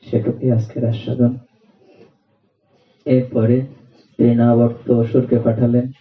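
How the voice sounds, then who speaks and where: A man giving a devotional scripture discourse to a gathering, telling stories, acting out quotes and chanting verses. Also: mid-range voice. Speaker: scripture reciter and preacher. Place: night gathering in an open courtyard. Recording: roomy, distant, dull sound.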